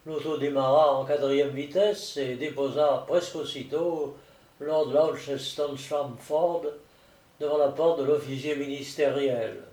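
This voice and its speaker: A man narrating a storybook in a steady, theatrical reading. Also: on the high side, measured pace. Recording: roomy echo, distant mic.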